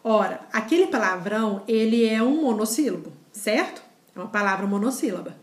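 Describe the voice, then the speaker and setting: A woman's voice: medium pitch, expressive, brisk, reverberant. A woman teaching a grammar lesson in a casual style, explaining step by step and often checking with the class. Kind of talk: casual lecture.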